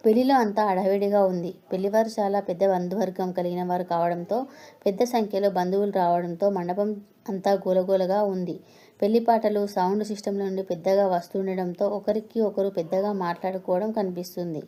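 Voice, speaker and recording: A woman narrating a story with steady, expressive reading. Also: mid-range voice, a little fast.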